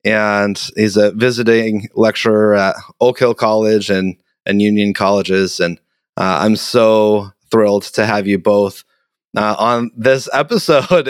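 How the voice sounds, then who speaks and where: A man's voice: on the low side, steady tone, measured pace, smooth, dry recording, studio quality. A man with a Boston accent hosting a podcast interview in a chatty, self-deprecating way over a video call. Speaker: podcast host. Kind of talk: casual interview.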